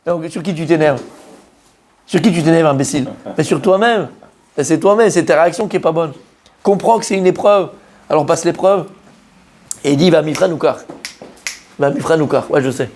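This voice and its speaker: Rabbin à la voix haute, très animé. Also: male voice, a little high, normal speed, pauses often. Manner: animated, addresses listeners directly, mixes Hebrew terms into French. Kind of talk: Torah lesson, lively sermon.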